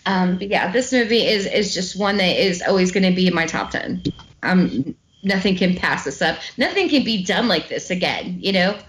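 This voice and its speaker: A woman's voice: lowish voice, animated, moderate pace. A woman hosting a casual film podcast, chatty and laughing often, with frequent swearing. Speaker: podcast host.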